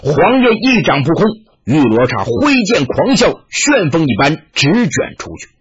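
Husky, animated male storyteller. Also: a little high, measured pace. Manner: animated, rising and falling with the action. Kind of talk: dramatic martial-arts story narration. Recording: muffled lo-fi recording.

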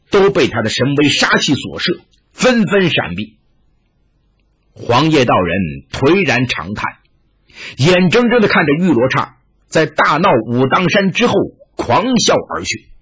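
A man narrating a martial-arts tale with dramatic, animated delivery. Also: on the high side, a little slow, slightly rough. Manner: animated, rising and falling with the action. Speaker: storyteller. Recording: muffled lo-fi recording.

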